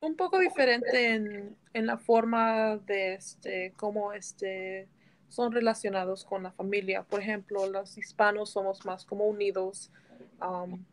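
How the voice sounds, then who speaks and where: A young woman from the United States answering interview questions slowly, with many pauses and fillers. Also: medium pitch, steady tone. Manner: slow, hesitant, many fillers. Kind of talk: casual Spanish interview.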